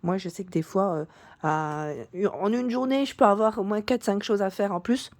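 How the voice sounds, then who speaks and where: A woman vlogger chatting casually through a shopping haul, full of fillers and restarts, her voice cracking and hoarse at times. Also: medium pitch, normal speed, a little mellow, no echo. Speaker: YouTube vlogger.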